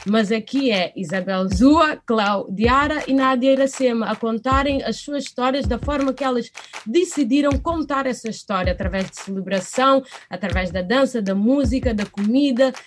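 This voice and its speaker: A woman's voice: a little high, normal speed, slight background noise. A woman from Cape Verde, raised in Portugal, speaks earnestly as an actress in a news interview.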